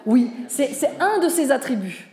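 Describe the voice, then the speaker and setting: A woman teaching about Bible translation to a live audience, talking conversationally and often turning to her listeners with questions and quick checks. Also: high voice, big pitch swings, a little mellow. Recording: roomy echo.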